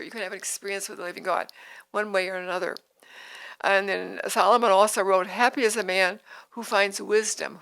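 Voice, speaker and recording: A woman in her eighties hosts a devotional podcast, speaking earnestly, repeating phrases, and often restarting sentences. Her medium-pitched voice is a bit bright with vocal fry, and the recording is rough.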